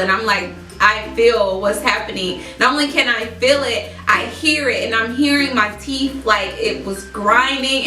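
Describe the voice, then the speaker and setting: A young woman telling a personal story in a casual, chatty, emphatic and expressive way, as a vlogger talking to her viewers. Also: on the high side. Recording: echoey room, distant mic, music.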